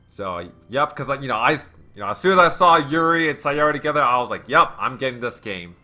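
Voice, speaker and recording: A man's voice: medium pitch, lively intonation, fast talker, sharp tone, faint music behind. A man hosting a let's play, giving emotional, rambling commentary full of fillers. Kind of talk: game commentary.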